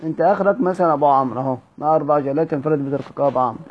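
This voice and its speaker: Egyptian teacher, male, fairly high-pitched, quizzes students with repeated questions, muffled lo-fi recording. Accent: Egyptian Arabic. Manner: repeats questions to students, drawn-out recited passages. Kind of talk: classroom lecture with slow chanted recitation.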